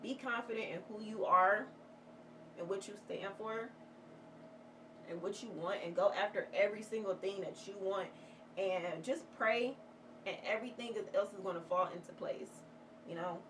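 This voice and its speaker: Woman, casual vlog chat, rambling, candid, swears, mid pitch, distant mic, noisy background. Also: normal speed, a bit bright. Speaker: vlogger. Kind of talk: casual get-ready-with-me chat.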